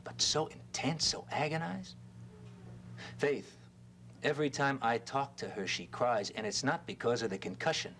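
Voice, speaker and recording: A man's voice: mid-range voice, normal speed, fairly bright tone, a little hiss or hum, natural voice. An actor playing a concerned male doctor in a daytime soap, speaking earnestly and reasoning things through. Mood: persuasive. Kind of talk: daytime soap opera acting.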